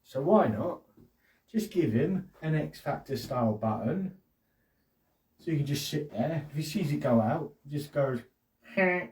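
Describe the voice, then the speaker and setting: A man's voice: fairly high pitch, animated, measured pace, warm tone, echoey room, far from the mic. A man hosting a casual solo podcast, rambling and joking, often laughing and acting out little quotes. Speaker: podcast host.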